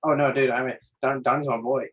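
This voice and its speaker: An eager man rambles through a casual podcast chat at a rapid clip, restarting his sentences as he goes. His voice is husky, and the recording sounds dull and lo-fi. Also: mid-range voice, level tone. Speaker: podcast co-host.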